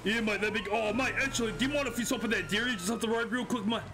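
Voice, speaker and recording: A man's voice: sits high, racing, background noise, close to an everyday voice. A man with a New Zealand accent playing a crude, grumpy older bloke who is hard of hearing, drawling and swearing, calling everyone mate. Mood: grumbling. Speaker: streamer in roleplay. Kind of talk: improvised roleplay in voice chat.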